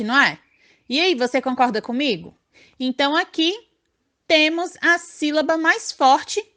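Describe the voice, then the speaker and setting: Bright, sing-song Brazilian woman teacher. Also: high-pitched. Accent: Brazilian Portuguese. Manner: slow, sing-song, syllable-by-syllable explaining to children. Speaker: primary school teacher. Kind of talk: online lesson for children.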